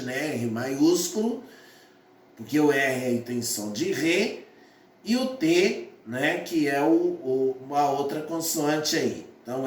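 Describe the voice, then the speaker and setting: A male teacher explains sounds slowly and patiently, repeating himself and spelling out syllables. His voice is fairly high and swoops up and down a lot. He stands a little back from the mic in an echoey room. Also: recorded from a distance, a little hiss or hum. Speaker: Portuguese teacher. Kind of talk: classroom lesson explaining phonetics.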